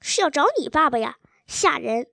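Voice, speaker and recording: A woman's voice: high-pitched, lively intonation, moderate pace, vocal fry, bright, forceful tone, dry recording, studio quality, exaggerated voice. A woman voicing a blunt, outspoken nanny in a story reading. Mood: scolding.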